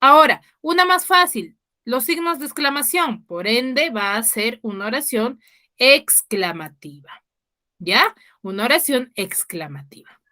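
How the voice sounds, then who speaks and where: A woman's voice: on the high side, bright, forceful tone. A woman teacher giving an online class over a video call, explaining patiently and often checking in with her students.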